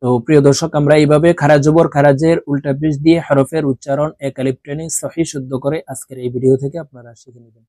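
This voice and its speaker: A man teaching Quran reading to viewers. He drills letter sounds slowly, one by one, then explains how to say them in quick, plain speech. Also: fairly high pitch, flat delivery, warm tone, dry recording. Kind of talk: slow recitation drill with explanations.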